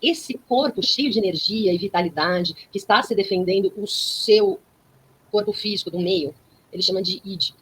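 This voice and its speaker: A woman's voice: medium pitch, normal speed, a little hiss or hum, low-quality recording. A woman speaking as a guest on a talk program. She explains ideas in a teaching way, uses everyday examples and often checks in with tag questions. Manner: didactic, with frequent tag questions.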